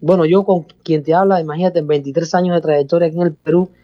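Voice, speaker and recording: A middle-aged Cuban salsa bandleader, with a Cuban accent, chats casually as an interview guest, expansive and repetitive, calling the host "hermano." His voice is fairly high and steady at a quick pace. The highs are cut off.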